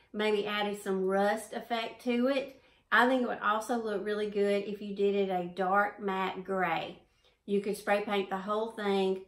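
A woman's voice: medium pitch, echoey room. A woman with a Southern US accent, casually explaining a DIY craft project in a chatty, folksy, self-deprecating way. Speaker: craft video host.

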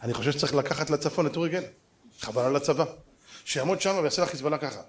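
A man giving a dramatic rabbinic sermon, telling stories and acting out the dialogue, swinging from loud exclamations to hushed asides. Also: on the high side. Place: synagogue or lecture hall.

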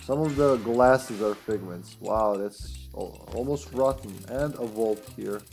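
A man's voice: lowish voice, unhurried, creaky, darkish tone. A man in his thirties giving casual, rambling, joking and sweary commentary as he plays a video game. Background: faint game music.

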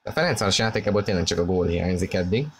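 A man giving excited play-by-play football commentary, often in terse bursts of player names. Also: low-pitched. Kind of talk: play-by-play football commentary over a video game match. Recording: clearly noisy, game stadium ambience behind. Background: video game stadium ambience.

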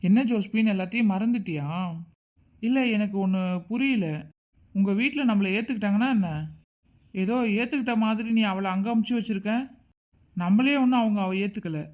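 A woman's voice: mid-range voice, brisk, long pauses, close to an everyday voice. A woman voicing an angry, protective middle-aged father in a homemade cartoon, speaking harshly and with threats. The recording is dull and lo-fi.

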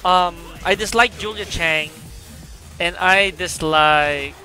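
A man giving casual live-stream game commentary, chatty and excitable as he greets viewers. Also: sits high, takes it slowly, faint music behind.

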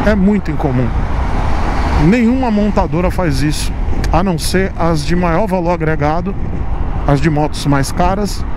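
A Brazilian man vlogging from his motorcycle on a highway, chatting casually and answering his own rhetorical questions. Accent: Brazilian Portuguese. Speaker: motovlogger. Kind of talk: casual monologue while riding. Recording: road and wind noise behind.

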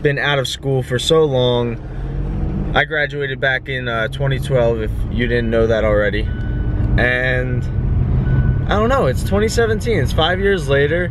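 A man's voice: mid-range voice, noisy background. A man in his twenties talking to the camera in a casual, upbeat and rambling vlog. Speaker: vlogger.

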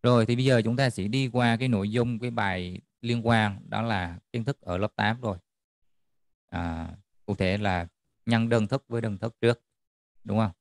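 A man's voice: lowish voice, fairly even intonation, moderate pace, no room sound, clean studio sound. A man tutoring a math class online, checking in often with students as he explains. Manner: checks in often with students, repeating "được chưa?".

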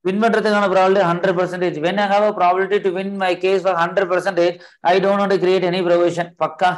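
A man with a Tamil accent teaches in a high voice at a very rapid pace, despite a throat infection. He lectures interactively, mixing Tamil and English, repeats his phrases and keeps checking with questions. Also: flat delivery. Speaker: accounting teacher.

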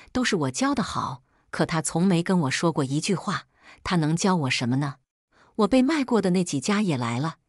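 Low husky woman narrating a story. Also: dry recording, clean studio sound. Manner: steady, plain recounting of a harsh family story. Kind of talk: scripted first-person storytelling.

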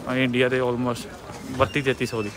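Here a young adult travel vlogger from India, with a Punjabi accent, talks in a monotone, mid-range voice at a moderate pace. He walks through outdoor markets and city streets, chatting casually and showing things around. The audio comes from a phone or camera held at arm's length, with noisy traffic and street sound behind him.

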